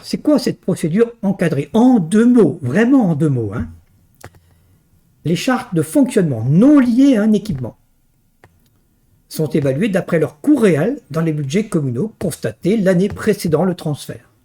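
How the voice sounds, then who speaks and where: A man with a slightly high, mellow voice lectures at a university on technical finance. He teaches emphatically and didactically, frequently closing points with little tag questions.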